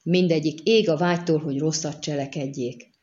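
A woman's voice: deep voice, steady tone, a little mellow, dull audio, natural voice. A woman voicing a greedy, scheming male dwarf who haggles in a wheedling way, read in a storybook.

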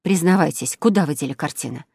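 A woman's voice: sits low, quick pace, gravelly, darkish tone, husky, no echo, studio quality, heavily acted. A woman voicing a brave candy-shop mother in a children's audiobook, firm and commanding. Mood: stern.

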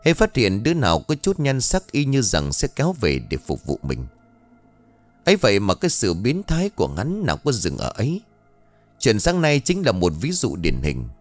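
A man narrating an audiobook story in an expressive, dramatic reading style. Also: lowish voice.

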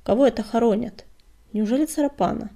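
A woman's voice: fairly high pitch, brisk, vocal fry. A woman voicing a fierce, hot-tempered male warrior cat who roars and snarls his lines in a storybook reading. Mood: angry. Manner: loud, snarling, forceful.

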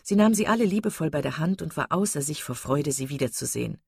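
Woman audiobook narrator, low and husky, lively phrasing. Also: quick pace, no room sound, clean studio sound.

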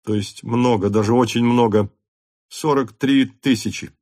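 A man's voice: mid-range voice, fairly even intonation, a little slow, mellow, natural voice. A man as an ashamed young nobleman. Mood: offhand. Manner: forced casual tone.

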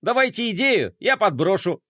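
A man's voice: high voice, very animated, moderate pace, sharp tone, no echo, studio quality, voice pushed up, full character voice. A man voicing an eager, simple-hearted toy skateboarder boy. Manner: eager, artless.

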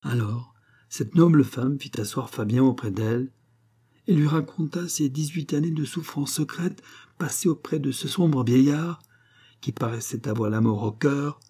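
A man reading a nineteenth-century novel aloud as an audiobook narrator, in a measured, expressive way. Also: mid-range voice, slightly rough.

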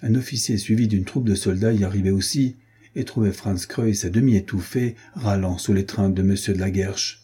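Dark, husky-voiced male narrator. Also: on the low side, normal speed. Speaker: audiobook narrator. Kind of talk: scripted narration of a classic novel.

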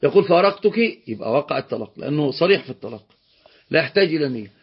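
A man's voice: a little high, expressive, rapid-fire, breathy edge, lo-fi sound. A man with an Egyptian accent teaching a religious law lesson, explaining a text and repeating key phrases for emphasis. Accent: Egyptian Arabic.

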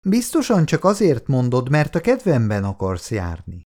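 Man doing a young woman in a storybook, high lilting voice, teasing and pouty, lively swings. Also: exaggerated voice. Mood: affectionate. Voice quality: raised, lilting pitch. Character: young woman, affectionate, easily piqued partner.

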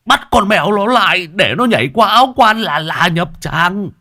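A man's voice: high voice, lively intonation, normal speed, sharp tone, voice pushed up, heavily acted. A man doing a wailing, panicked old villager. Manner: wailing, pleading.

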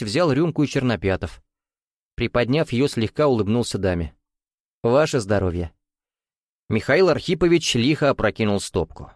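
A man narrating an audiobook with expressive storytelling. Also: medium pitch, dry recording, clean studio sound. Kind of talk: scripted narration.

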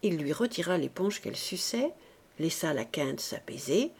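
A woman narrating a classic novel in a measured, expressive reading style. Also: on the low side, breathy edge. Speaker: audiobook narrator. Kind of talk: scripted literary narration.

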